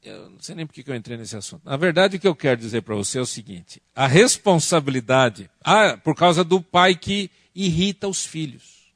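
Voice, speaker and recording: A man with a Brazilian Portuguese accent giving a lively church workshop talk on family, asking the audience questions and acting out family arguments. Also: fairly high pitch, fairly quick, dry recording, clean studio sound. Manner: animated, acts out quoted family arguments. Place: church conference hall.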